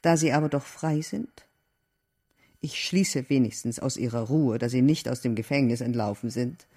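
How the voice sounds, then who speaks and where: A man's voice: medium pitch, moderate pace, mellow, slightly rough, voice pushed up. A man reading an audiobook, voicing a curious, talkative young woman lodger with an inquisitive, lightly mocking manner. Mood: curious, teasing.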